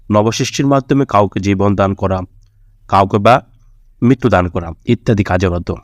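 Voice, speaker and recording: A man reading a devotional audiobook aloud in a solemn, measured way, with prayerful appeals. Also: lowish voice, dry recording, studio quality. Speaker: audiobook narrator. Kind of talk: scripted religious audiobook narration.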